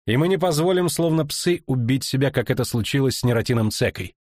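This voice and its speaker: A man reading an audiobook, voicing a tough, defiant young woman mercenary with a husky, blunt delivery. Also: mid-range voice, animated, fast talker, darkish tone, no echo, studio quality, voice pushed up, natural voice. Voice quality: husky, plain-spoken.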